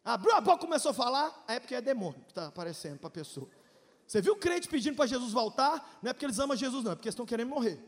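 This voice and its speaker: A Brazilian man in his forties, a pastor giving a testimony sermon, telling his story with emotion, jumping from shouts to hushed asides and jokes. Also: very high-pitched, very animated, racing, in a large hall. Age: 40s.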